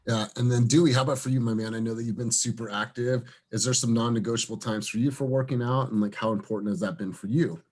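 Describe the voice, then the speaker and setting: A man's voice: mid-range voice, steady tone, fast talker, few pauses, a little mellow. A man leading a casual team meeting over a video call, calling on people by name and encouraging them. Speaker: team leader. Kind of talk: casual group meeting chat.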